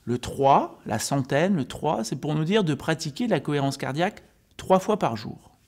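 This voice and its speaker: A man's voice: fairly high pitch, lively intonation, moderate pace, a little mellow. A man who coaches, explaining things step by step in an informal video addressed directly to the viewer. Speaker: health and sports coach presenting a video. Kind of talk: informal explanatory talk to camera.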